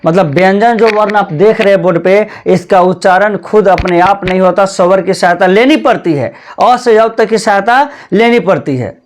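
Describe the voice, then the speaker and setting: A man's voice: high-pitched, normal speed, few pauses. A man teaching a Hindi grammar lesson at a board, repeating key points and asking and answering his own questions. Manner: addresses viewers as "bhai" (brother). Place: classroom with a board.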